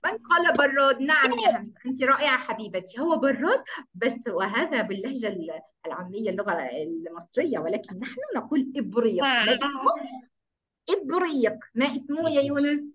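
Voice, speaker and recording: A woman's voice: on the high side, animated, fairly quick, fairly bright tone, slightly rough. A woman teaching kindergarten children in an online class. She coaxes the children along and heaps praise on them. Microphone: video call. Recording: dull lo-fi online call audio.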